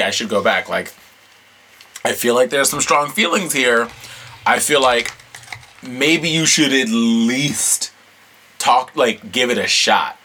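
A man's voice: medium pitch, bright, forceful tone. A man co-hosting a casual podcast, joking and rambling with many fillers as he gives advice. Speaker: podcast co-host. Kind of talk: casual chat.

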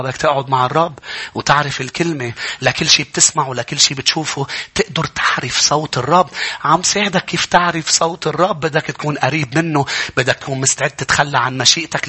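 A male pastor with a Lebanese Arabic accent preaching a sermon, building from conversational teaching to impassioned shouting. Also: mid-range voice, slightly rough.

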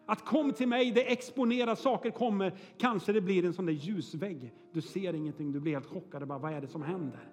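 High-voiced man preaching in a hall. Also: hardly any pauses, faint music behind. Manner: chatty storytelling with frequent "eh" and "är ni med?". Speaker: pastor. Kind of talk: sermon. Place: church hall.

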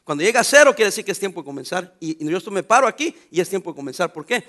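An older Mexican pastor preaches with a very high, ringing voice and a sharp, forceful edge. He speaks in a Mexican Spanish accent and keeps firing rhetorical questions at the congregation. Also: sing-song, racing. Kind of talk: sermon.

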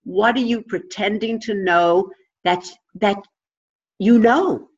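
A woman's voice: medium pitch, slow, slightly rough, highs cut off. A woman with a New York accent giving conversational advice as an interview guest, emphatic and instructive, repeating phrases for emphasis. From New York, United States. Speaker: interview guest, consciousness coach and teacher.

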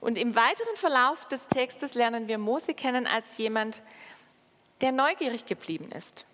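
A woman preaching a sermon and reading scripture in a slow, measured way with dramatic pauses. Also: on the high side, animated, a bit bright. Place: church. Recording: long church reverb.

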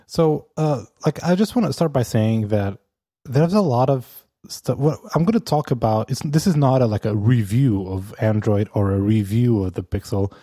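Rambling man with a mellow, dry voice. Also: medium pitch, normal speed, no echo. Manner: rambling, many fillers and restarts, laughs often. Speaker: podcast co-host. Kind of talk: casual chat. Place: lives in Amsterdam.

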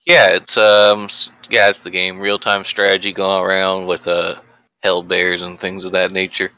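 A man's voice: deep voice, monotone, normal speed, bright, forceful tone, clean tone, dry recording, low-quality recording. A man chatting casually on a podcast as a co-host, explaining things in a wordy way.

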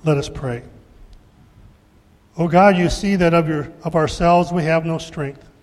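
Pastor's voice in cathedral echo. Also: male voice, a little high, fairly even intonation, music in the background. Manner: measured, formal liturgical reading. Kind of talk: leading liturgical prayers. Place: church sanctuary.

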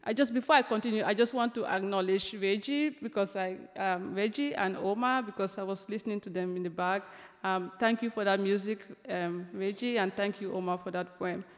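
In a large lecture hall full of long reverb, a young author from Cameroon recounts a personal story with light humor. Her mid-range voice moves fairly quickly, broken up by many ums and restarts.

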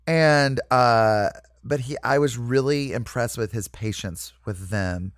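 Slow and medium-pitched, a man gives a casual interview as a comedic actor, drifting through lively asides and frequent "you know" and "like." The recording is studio quality without echo.

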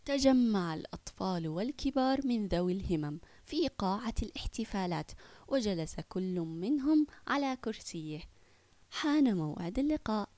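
A woman's voice: medium pitch, expressive, normal speed, mellow, no echo. Woman narrating a children's story.

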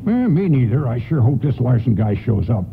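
An actor playing a jolly, folksy older department store Santa Claus in a theatrical radio play style. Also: male voice, medium pitch, big pitch swings, a little fast, gravelly, slight background noise. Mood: weary, wry. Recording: muffled vintage-style radio broadcast with music.

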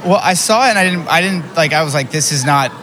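A man's voice: on the high side, lively intonation, fast. A man answering interview questions outdoors at a busy event, earnest and grateful, with many fillers. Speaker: singer being interviewed. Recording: crowd noise behind.

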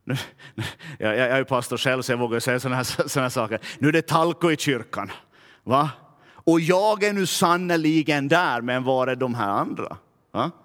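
Finland-Swedish pastor preaching in a hall. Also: male voice, mid-range voice, fairly bright tone. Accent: Finland Swedish, Närpes. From Närpes, Finland. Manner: conversational preaching, often asks "va?". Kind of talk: sermon. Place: church.

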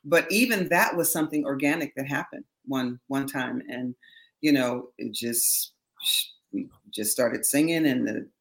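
A middle-aged woman, a singer, chatting as an interview guest, telling animated stories and acting out quotes with laughter. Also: rumbling low, a little slow, creaky. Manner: animated storyteller, laughs often, acts out quotes. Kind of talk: casual interview chat.

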